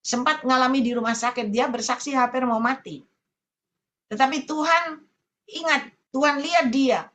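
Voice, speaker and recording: A woman's voice: high-pitched, bright, forceful tone. A woman evangelist preaching a sermon to an online meeting, colloquial and repetitive, stressing points by saying them again.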